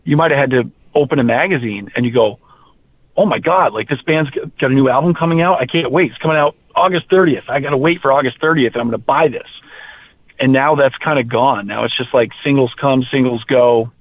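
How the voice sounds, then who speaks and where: A man from rural Maine, a heavy metal musician, talking casually in an interview, animated and quick to repeat words. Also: medium pitch. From rural Maine, USA. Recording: tinny phone-like line.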